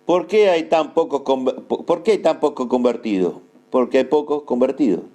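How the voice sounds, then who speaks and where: A man preaching a sermon in an Argentine accent, emphatic and repeating key phrases slowly for his listeners to note down. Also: mid-range voice, expressive, warm tone, faint music behind. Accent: Argentine Spanish. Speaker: apostle preaching.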